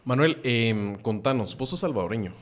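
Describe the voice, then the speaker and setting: A man's voice: mid-range voice, moderate pace. A man hosting a podcast panel, talking casually with many hesitations. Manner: animated, hesitant with fillers. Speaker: podcast host.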